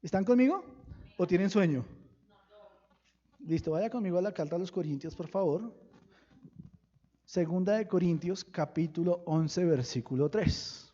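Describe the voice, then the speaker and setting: Man preaching with loud bursts. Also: sits high, moderate pace, long pauses, dull audio. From Colombia. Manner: preaching with questions to the congregation and sudden loud bursts. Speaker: pastor. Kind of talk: sermon.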